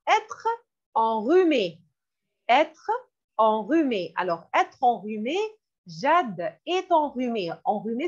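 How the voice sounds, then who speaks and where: A woman teaching French vocabulary in a classroom lesson, repeating each word slowly and glossing it in English. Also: on the high side. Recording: dull lo-fi recording.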